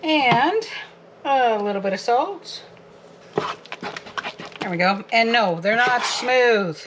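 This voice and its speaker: A woman's voice: on the high side, expressive, slow pace, noisy background. A woman from Canada chatting casually to viewers as she cooks in her home kitchen, with a giggly manner. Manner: chatty, giggly, talks to viewers while working. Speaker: homestead vlogger. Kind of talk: casual cooking vlog.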